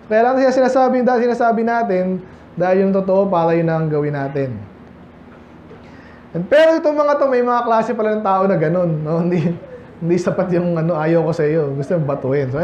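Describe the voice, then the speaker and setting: A male pastor with a Filipino accent preaches in a loose, conversational style, dropping English scripture into his talk. His voice sits high but sounds mellow. The recording is echoey and a little dull, as if picked up in a church hall. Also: slight background noise. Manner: conversational, mixes English Bible verses into talk. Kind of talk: sermon.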